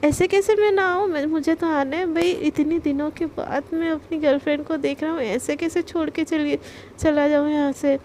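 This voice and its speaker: A woman's voice: high-pitched, fairly even intonation, normal speed, a little mellow, a little hiss or hum. A woman voicing a pushy, clingy young man in a told love story, talking insistently and a little whiny.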